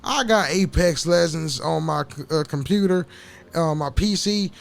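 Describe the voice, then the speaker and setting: A man with a notably high voice that's prone to cracking hosts a solo podcast in a casual, unhurried way, with vocal fry. He rambles, doubles back on words, stammers through sentences and swears freely, while faint music plays behind him.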